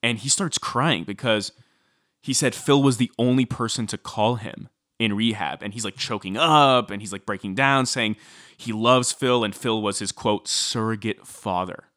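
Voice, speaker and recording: A man's voice: medium pitch, moderate pace, no room sound, clean studio sound. A man casually recounting a true-crime story as podcast co-host, chatty with many fillers. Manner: chatty, filler-heavy, animated when quoting.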